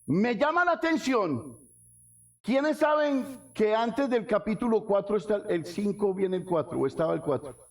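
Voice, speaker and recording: A man preaching a sermon as pastor, asking the congregation questions and swinging from soft low lines to shouted ones. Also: animated, unhurried.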